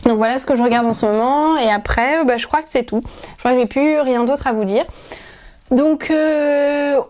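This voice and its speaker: A woman's voice: high voice, normal speed, darkish tone. A woman hosting a knitting video podcast from home, chatting casually to her viewers in a rambling way with many hesitations and restarts.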